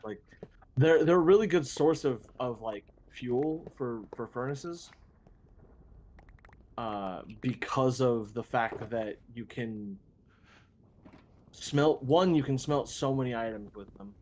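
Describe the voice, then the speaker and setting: A man's voice: medium pitch, slow, pauses often, darkish tone, slight background noise. A man streaming a game and chatting casually, rambling with frequent restarts and self-deprecating asides. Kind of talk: casual chat while gaming.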